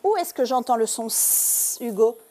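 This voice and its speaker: A woman teacher giving a lesson to young pupils in a classroom, speaking slowly and clearly and stressing each syllable. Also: a little high, lively intonation, dark tone, a little hiss or hum. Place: primary school classroom.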